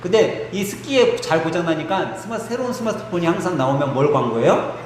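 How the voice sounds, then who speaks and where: A man's voice: fairly high pitch, animated, a little fast. A man preaching a sermon in a church, full of rhetorical questions to the congregation. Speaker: pastor. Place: church sanctuary. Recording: echoey church hall with faint noise.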